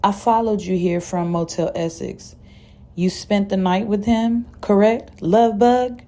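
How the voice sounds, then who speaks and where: A woman voicing a calm, sarcastic wronged wife. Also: on the low side, unhurried, creaky. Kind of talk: storytelling read-aloud.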